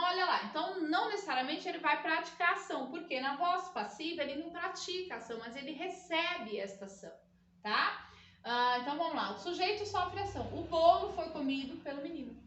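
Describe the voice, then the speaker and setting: Brief: teacher, a woman with a high voice, patient and explanatory, recorded in an echoey room from a distance. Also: fairly bright tone. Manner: explanatory, constantly checks in with listeners. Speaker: Portuguese teacher. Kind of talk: recorded grammar lesson.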